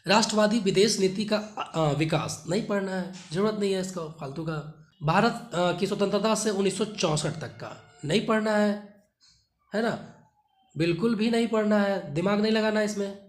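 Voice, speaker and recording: A man's voice: sits high, moderate pace, echoey room. A man teaching exam students which chapters to study, repeating points and checking in with short tag questions. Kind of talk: study guidance lesson.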